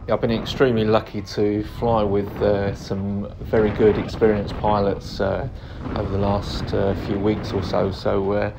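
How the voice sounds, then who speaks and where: A man giving a calm, understated and hesitant casual commentary on his own flight video, pausing often. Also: lowish voice. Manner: calm, understated, hesitant delivery with frequent pauses. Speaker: paraglider pilot narrating own flight video. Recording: clear steady background noise, vehicle-like ambience.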